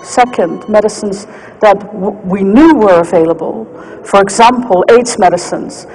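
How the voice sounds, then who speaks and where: A woman gives an unscripted interview, laying out points deliberately and repeating phrases for emphasis. Her mid-pitched voice carries long room reverb with faint noise behind it. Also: darkish tone.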